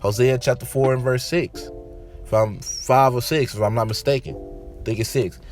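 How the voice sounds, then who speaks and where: Man, casual street preacher, mid-pitched, faint music under the voice. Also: steady tone, moderate pace, darkish tone. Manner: casual slangy preaching, repeats himself, calls listeners "man". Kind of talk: informal sermon with scripture reading.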